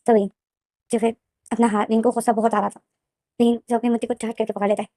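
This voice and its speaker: A woman's voice: on the high side, level tone, fast, warm tone, dry recording. A woman casually retelling a fan story in a chatty, rambling way, repeating names often, close to the mic.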